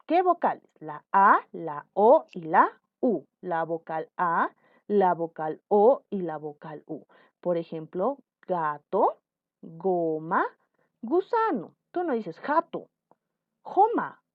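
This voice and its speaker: Patient woman teacher, slow and lively in pitch, recorded dry on a phone-like line. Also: no echo. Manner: patient, repeats example words slowly. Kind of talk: spelling lesson.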